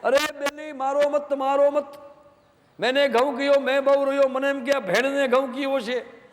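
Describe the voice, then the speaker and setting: A man playing a wailing Kutchi villager, high and loud. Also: level tone, normal speed, big-room sound. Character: weepy Kutchi man from a joke, lamenting loudly.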